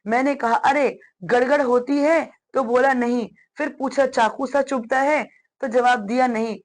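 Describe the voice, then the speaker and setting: A fretful middle-aged father, as a woman teacher reads him out, talking in a raised, anxious voice. He explains at length and fusses over his son in a storybook play reading. The voice sits higher than her usual talk. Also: steady tone, a little slow. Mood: worried.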